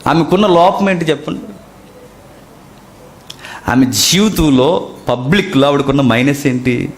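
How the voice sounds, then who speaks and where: A male preacher giving a sermon, firing rhetorical questions and swinging between loud emphatic peaks and low quiet asides. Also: a little slow, a little hiss or hum.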